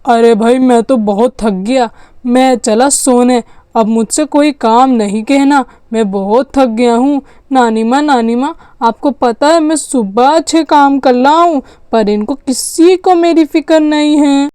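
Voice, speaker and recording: A woman's voice: high voice, a little slow, mellow, smooth, no echo, clean studio sound. A woman voicing a whiny young boy in a doll story. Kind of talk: storytelling with dolls.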